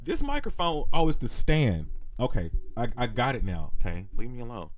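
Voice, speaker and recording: A podcast host from Washington, D.C. speaks in a mid-range voice with wildly swooping pitch at a moderate pace. In a studio, he tells a crude story with candid, comic flair, chatty and laughing often.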